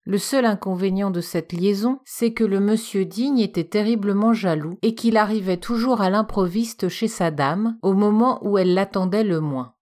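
A woman narrating a literary story in a measured, expressive storytelling manner. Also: mid-range voice.

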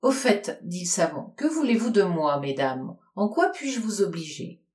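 A man's voice: sits high, very animated, normal speed, darkish tone. A woman reading aloud plays a flustered, self-important old male scholar in a roomy-sounding recording. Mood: fussy. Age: older. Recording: roomy echo.

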